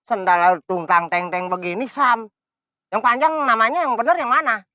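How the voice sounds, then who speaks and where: A man acts out a bossy drill sergeant for a comedy sketch, with a high, bright voice and a Betawi Indonesian accent. He barks orders and needles his recruits in a dry, close sound. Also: normal speed, no echo. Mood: exasperated. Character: bossy mocking male drill commander of village guards.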